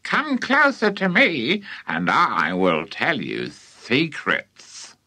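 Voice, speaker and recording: Storybook villain: a man playing a sly old grandmother, high and creaking-slow, husky edge, gloating. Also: huge pitch swings, pushed and bright, no room sound, heavily acted. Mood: menacing. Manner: slow, relishing, creepy drawl.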